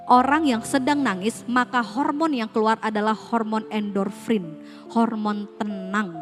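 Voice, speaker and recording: A woman's voice: fairly high pitch, fairly even intonation, measured pace, soft background music. A woman on a school's staff giving a casual parenting seminar, speaking straight to parents and asking them rhetorical questions. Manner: conversational, mixes casual slang. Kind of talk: parenting seminar talk with slides.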